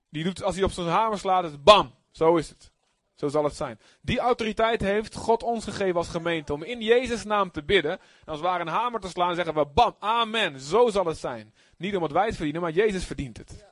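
A man's voice: high voice, no room sound. A man leading a church service as pastor, declaring blessings with repeated phrases and speaking in tongues. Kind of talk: sermon and blessing prayer.

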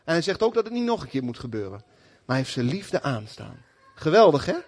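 A man preaching a sermon in a lively, conversational way, often acting out the people he quotes. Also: a little high, fairly quick, big-room sound.

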